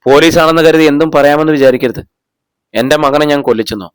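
A man's voice: mid-range voice, fairly quick, dry recording, lightly acted. A man reading the lines of a middle-aged mother under police questioning, defending herself and growing indignant. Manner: defensive, voice rising when accused.

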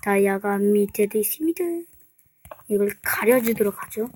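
A woman's voice: mid-range voice, steady tone, normal speed, darkish tone, slight background noise, poor audio. A woman casually walking through a game trap, playful and teasing, with jokey mock threats. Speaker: gameplay creator. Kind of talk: casual game walkthrough commentary.

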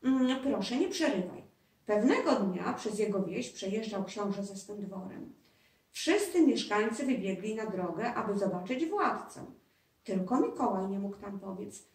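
Woman doing a proud, calmly mysterious storybook ghost; mid pitch, roomy, distant mic. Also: measured pace. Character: friendly old castle ghost, proud and knowing. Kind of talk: children's story reading.

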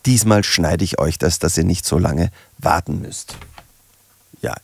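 A German man, a music producer, explaining audio software in a relaxed tutorial. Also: deep voice, unhurried, creaky, breathy edge.

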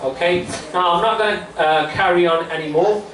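Male kids' camp teacher, high voice, explanatory storytelling with tag questions, roomy distant sound with faint noise. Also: moderate pace, fairly bright tone. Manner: explanatory, checks in often with "right?" and "okay?". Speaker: children's religious camp teacher. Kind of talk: storytelling lesson to children. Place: small indoor classroom full of seated children. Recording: distant, echoey room, faint background noise.

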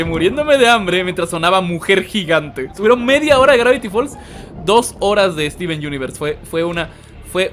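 A young man with a Mexican Spanish accent, telling funny stories and commenting on gameplay with loud, animated outbursts. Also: high voice, slight background noise. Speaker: gaming streamer. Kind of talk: comedic storytelling and gameplay commentary.

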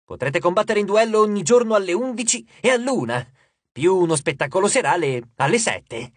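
A man's voice: expressive, fairly quick, no echo. A man voicing a mocking, grotesque male sea god who taunts his captives in an audiobook. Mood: gloating. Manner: taunting, theatrical, booming.

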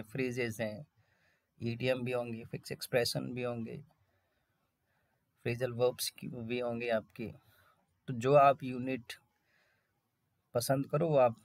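Male tutor, mid-pitched and gravelly, explains patiently in Hindi and reads English phrases slowly. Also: fairly even intonation, dry recording. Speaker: English teacher. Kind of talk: online vocabulary lesson.

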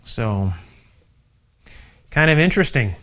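A man's voice: medium pitch, sing-song, takes it slowly, fairly bright tone. Musing middle-aged man at a workbench. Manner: musing, thinks aloud with many fillers. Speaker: electronics channel host. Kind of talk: casual workbench demonstration. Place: home electronics workshop.

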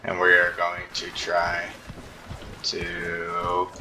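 A tired man rambles through casual gameplay commentary in a deep, gravelly voice. He talks slowly, filling gaps with ums and yawns. There is a steady hiss of noise behind him. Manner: laid-back, rambling with many ums. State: tired and yawning. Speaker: gaming YouTuber.

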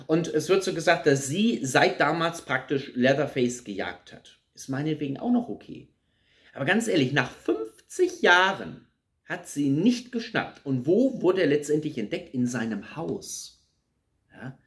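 A man's voice: fairly high pitch, very animated, a little slow. A man in his thirties giving a critical, ranting film review with many fillers and repeated words, seated on a sofa in a small plain room. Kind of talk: casual spoken film review.

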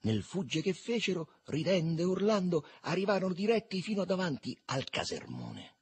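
A man reading a literary novel aloud in a lively, expressive way. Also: sits high, moderate pace, slightly rough. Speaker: reader.

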